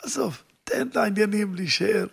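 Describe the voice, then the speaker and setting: A man voicing a sensible wife who talks her husband out of joining a rebellion, in hushed, dismissive questions. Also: sits high, vocal fry, slightly rough, pitched above the performer's own voice, heavily acted. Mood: scolding.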